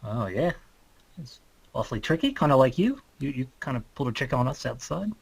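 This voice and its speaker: A man acts out an amiable animal-loving druid for a tabletop game. His rides on a lively, swinging pitch. He talks in a halting, colloquial, easygoing way, recorded dry. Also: gravelly, slightly rough, no room sound, exaggerated voice. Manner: laid-back, halting, colloquial. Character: Marcus, easygoing, friendly male druid fond of animals. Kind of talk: improvised tabletop role-play.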